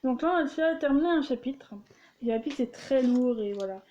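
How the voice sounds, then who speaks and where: A woman's voice: sits high, animated, brisk, lo-fi sound, noisy background. A woman casually commenting on a story game and reading its dialogue aloud, with a few light swear words. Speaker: gamer playing a story game.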